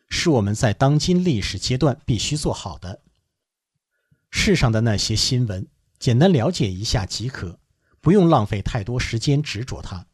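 A man reads a first-person account aloud in an earnest, measured way. His voice is slightly husky, and his pitch rises and falls a lot as he goes. The recording is close and dry, with no room sound. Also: no room sound.

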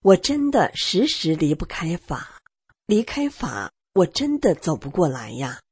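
Husky middle-aged woman telling her story. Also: on the low side, sing-song, measured pace, a little mellow, no echo. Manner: plain storytelling, acts out quoted dialogue. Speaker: narrator of a personal testimony. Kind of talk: read-aloud personal testimony.

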